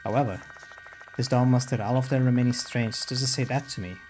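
A man's voice: medium pitch, fairly even intonation, brisk, soft background music. A man streaming a game, reading its text aloud and adding casual commentary.

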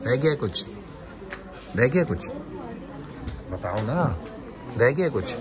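A man with a Karachi Urdu accent talks in a casual, teasing vlog voice at an everyday pitch. A loud market crowd and passing traffic fill the background. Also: big pitch swings, slow. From Pakistan. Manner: playful, teasing, chatty. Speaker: vlogger. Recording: busy market crowd behind.

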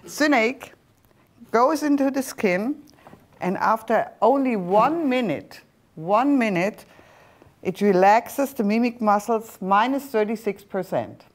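A middle-aged woman with a German accent, a skincare doctor presenting a serum on a TV shopping channel, explaining in slightly halting non-native phrasing. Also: on the high side, expressive. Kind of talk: TV shopping product demonstration. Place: TV studio set. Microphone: lapel mic.

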